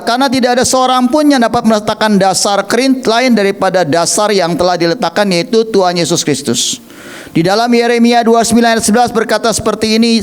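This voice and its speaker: A man's voice: high-pitched, clear, resonant tone. A man with an Indonesian accent preaching a sermon, telling stories animatedly and acting out quoted voices. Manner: animated storytelling, acts out quoted voices, addresses listeners as 'saudara'. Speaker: evangelist preacher.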